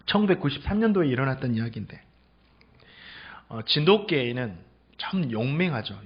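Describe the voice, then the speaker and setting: A male pastor giving a Sunday sermon as a story, swinging from hushed lines to loud exclamations and stretching words slowly for emphasis. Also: mid-range voice, slightly rough. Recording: dull lo-fi recording.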